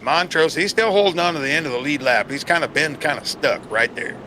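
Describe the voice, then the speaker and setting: A man's voice: fairly high pitch, expressive, brisk, sharp tone, a little hiss or hum, low-quality recording. A man giving casual, joking color commentary on a sim race.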